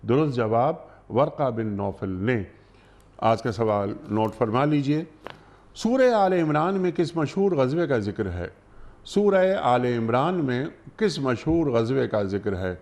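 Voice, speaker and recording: A man's voice: medium pitch, animated, darkish tone. A man from Pakistan hosting a religious TV program in a formal, polite manner, reading out quiz questions and contact numbers. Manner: polite, formal address to guest. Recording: dull lo-fi broadcast audio.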